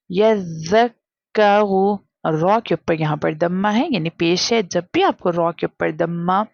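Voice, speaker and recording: A woman teaching Quran reading in a recorded lesson, drawing out each syllable slowly and then explaining quickly in mixed Hindi and English. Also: fairly low pitch, creaky, no room sound, lo-fi sound. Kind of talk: recorded lesson, spelling out letters.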